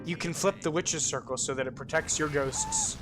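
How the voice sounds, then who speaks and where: A man's voice: on the high side, huge pitch swings, moderate pace, a bit bright. A man casually chatting while playing a game and thinking aloud as he goes. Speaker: co-host of a game playthrough. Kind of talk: casual let's play chat. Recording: music playing underneath.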